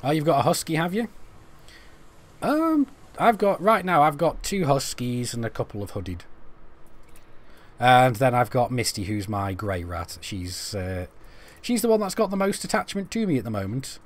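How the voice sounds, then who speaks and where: Chatting to his viewers while messing about in menus, a young Brit rambles through a live game stream with self-deprecating jokes. He speaks at medium pitch with big swings in it, at a moderate pace.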